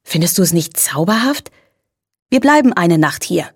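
A woman's voice: on the low side, big pitch swings, normal speed, breathy edge, no echo, studio quality, exaggerated voice. A woman voicing a carefree, cheerful mother who talks in a breezy, upbeat way.

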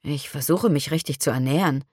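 A woman's voice: sits low, brisk, a little mellow, husky, no room sound, clean studio sound. A woman reading an audiobook, voicing a young male athlete who answers in short, guarded, clipped lines. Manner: curt, clipped replies.

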